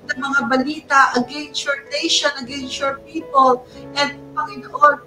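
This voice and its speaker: Leading intercessory prayer with fervor, a woman from the Philippines speaks in a high, pushed, bright voice with a flat delivery and measured pace. She has a Filipino accent, shifts between two languages, and punctuates her phrases with "Lord God," while music plays beneath a distant mic.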